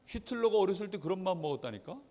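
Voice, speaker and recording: A man preaching a children's sermon as pastor, animated storytelling, asking the children questions and acting out quotes. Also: sits high, very fast, big-room sound. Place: church hall.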